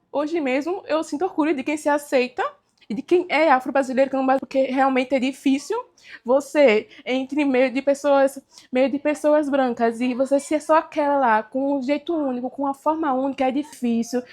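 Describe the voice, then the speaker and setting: A Brazilian teenage girl with a high voice speaks in a personal interview. She talks haltingly and with emotion, stopping and restarting her sentences. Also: steady tone, darkish tone. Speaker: student interviewee.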